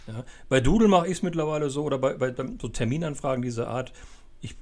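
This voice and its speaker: A man giving calm, explanatory advice in a casual chat, often ending points with tag questions. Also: medium pitch, fast.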